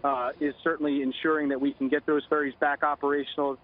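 A middle-aged man giving a halting official briefing in a live news interview over the phone. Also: fairly high pitch, flat delivery. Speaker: Coast Guard commander, phone interviewee. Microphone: phone line. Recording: dull lo-fi phone line.

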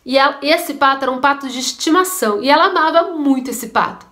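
A woman's voice: high-pitched, fast talker, fairly bright tone. A woman telling a story and preaching earnestly in a devotional video. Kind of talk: devotional sermon-style storytelling.

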